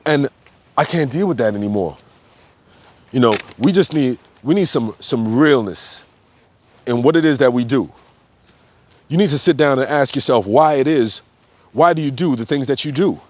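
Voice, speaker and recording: A man's voice: medium pitch, lively intonation, normal speed, pauses often, darkish tone. A man, a yoga teacher, talking in a loose, unscripted monologue, blunt and profane, with sudden emphatic outbursts. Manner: loose, repetitive phrasing with frequent fillers. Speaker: yoga teacher and health coach.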